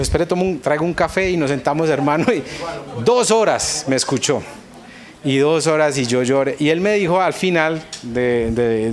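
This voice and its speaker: A man's voice: mid-range voice, a little hiss or hum. A man with a Colombian accent preaching a sermon, telling a personal story and acting out his own past prayers with earnest feeling. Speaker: pastor.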